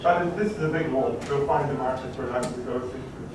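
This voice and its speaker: Man, conference speaker, halting answers, far from the mic in a reverberant room with background noise. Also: mid-range voice. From Croatia. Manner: hesitant, many fillers and restarts. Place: large conference hall. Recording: echoey hall from a distant mic, background noise.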